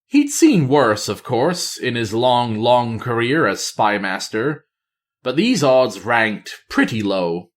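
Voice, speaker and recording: Lively man reading a story aloud. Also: mid-range voice, takes it slowly. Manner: lively, expressive narration.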